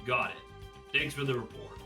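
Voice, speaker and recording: A woman playing a game with a friend, joking and swearing, voicing male characters in a deeper voice. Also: normal speed, over music. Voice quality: swearing, playful, puts on a deeper voice for men. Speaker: let's play co-host voicing game characters.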